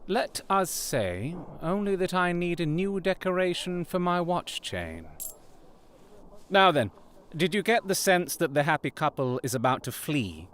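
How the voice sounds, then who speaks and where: An animated, commanding Sherlock Holmes. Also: male voice, high voice, clean tone, full character voice. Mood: shrewd, animated. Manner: theatrical, deliberate, formal diction. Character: Sherlock Holmes, shrewd, commanding Victorian gentleman detective. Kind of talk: period audio drama acting.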